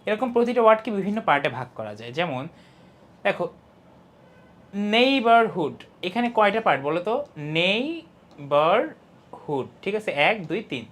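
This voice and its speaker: A young man teaching an English lesson, explaining step by step, reading English lines slowly and stressing key syllables. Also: high-pitched, sing-song, fairly bright tone. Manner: explains step by step, often asks "ঠিক আছে?". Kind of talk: online class lesson.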